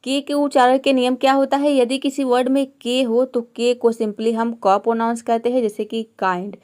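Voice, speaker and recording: A woman's voice: on the high side, little pitch movement, normal speed, darkish tone. A woman teaching an English pronunciation lesson step by step, patiently explaining each letter and asking rhetorical questions to her students.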